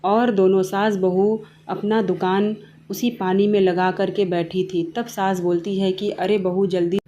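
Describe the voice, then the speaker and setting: A woman's voice: medium pitch, flat delivery, unhurried, warm tone, dull audio, a little hiss or hum. A woman narrating a family moral story in a plain, simple storytelling way.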